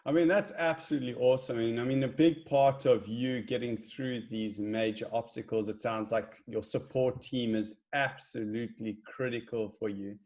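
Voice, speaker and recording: A man's voice: mid-range voice, steady tone, moderate pace, hardly any pauses, darkish tone. A man hosting a casual interview in an informal, encouraging way.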